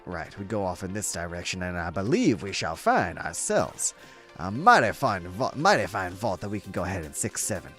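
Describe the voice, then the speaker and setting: A grimy little cowboy fella talks in a low, folksy drawl, as a man puts it on. His pitch bounces around, and faint music plays behind him. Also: very animated, normal speed, fairly bright tone.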